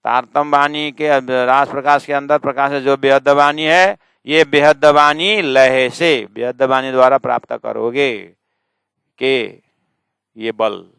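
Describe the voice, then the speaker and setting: A spiritual teacher leads a scripture class, explaining verses one at a time and arguing with imagined students. His mid-range voice has vocal fry and is a bit bright and smooth, with no echo. He reads the verses slowly, drawing them out.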